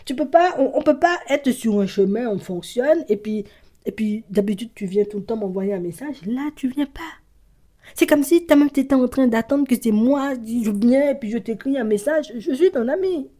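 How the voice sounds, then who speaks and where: A woman giving a casual card reading to her viewers, animated and full of fillers, sometimes dropping into a whisper. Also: on the high side, normal speed. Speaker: card reader. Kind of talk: casual tarot-style reading to camera.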